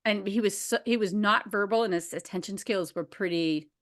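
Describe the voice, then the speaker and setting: A woman in her forties hosting a casual conversation about behavior analysis, animated and quick to laugh. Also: mid-range voice. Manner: animated, laughs often, acts out quotes.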